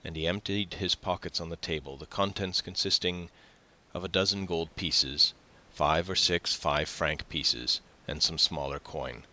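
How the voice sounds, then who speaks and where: A man reading a classic novel aloud as an audiobook, in plain, steady narration. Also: sits low, measured pace. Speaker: audiobook reader.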